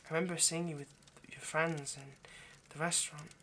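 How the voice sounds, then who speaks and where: Fairly high-pitched with little pitch movement, this man's pushed, bright voice moves at a moderate pace. In an intimate ASMR roleplay he voices a nervous vampire kidnapper of many centuries, stammering hesitant apologies to the listener with tender, confessional feeling. Faint noise sits in the background.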